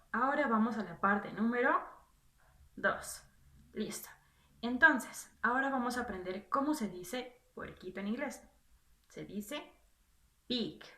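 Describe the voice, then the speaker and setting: Slow, bright-voiced woman teaching children. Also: medium pitch, roomy sound. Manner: patient, encouraging, asks questions and repeats words. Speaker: English teacher. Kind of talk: children's language lesson.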